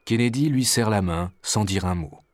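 A man narrating a storybook adventure in a measured, expressive reading. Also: on the low side, no room sound.

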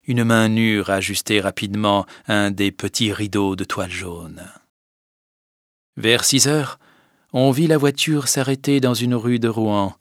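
A man with a low voice reads a classic novel aloud in measured, expressive phrases, sinking quiet on each speech tag. The sound is dry and close, with no room around it. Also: no room sound. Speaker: narrator. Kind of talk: audiobook reading of a classic novel.

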